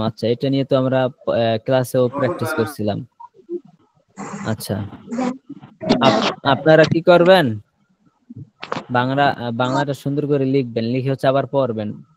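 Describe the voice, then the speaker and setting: A man's voice: medium pitch, background noise. A man from Bangladesh teaching English in an online class on a video call, patiently repeating each word and its meaning.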